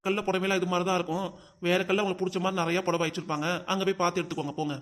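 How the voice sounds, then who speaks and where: A man with a Tirunelveli Tamil accent voicing shop staff in a cartoon comedy, in brisk, scolding talk. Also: high-pitched, level tone.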